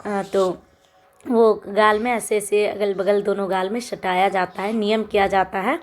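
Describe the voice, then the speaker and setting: A young woman talks over her own wedding footage in a relaxed, chatty way. She laughs lightly as she walks through each custom, like she is telling a friend. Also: medium pitch, measured pace. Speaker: vlogger. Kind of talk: casual vlog voice-over.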